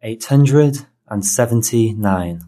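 A dictation reader delivers a language exercise in a deliberate, measured way, phrase by phrase with repeats. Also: mid-range voice, lively intonation, dark tone.

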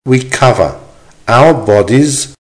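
A man reading an English-lesson dictation aloud in short, deliberate, carefully measured phrases, repeating them and speaking the punctuation. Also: mid-range voice, a little mellow, low-quality recording. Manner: deliberate, measured enunciation with pauses. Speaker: language teacher reading dictation.

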